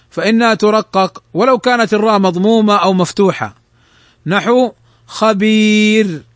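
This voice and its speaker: A man with a high voice teaches the rules of Quran recitation. He explains each rule step by step and slows down to recite and repeat the example words. The recording is close and dry, with no room sound. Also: fairly bright tone, dry recording. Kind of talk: lesson on tajweed rules.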